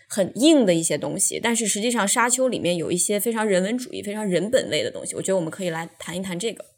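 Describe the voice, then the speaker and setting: A woman co-hosting a podcast in a casual film discussion, talking reflectively and trailing off into fillers. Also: medium pitch. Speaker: podcast co-host.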